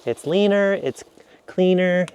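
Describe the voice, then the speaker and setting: A man's voice: high-pitched, takes it slowly, a little mellow, a little hiss or hum. A man in a camper van giving a chatty, rambling, self-deprecating tour of his kitchen, filmed on an action camera. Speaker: vlogger. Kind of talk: casual kitchen walkthrough vlog.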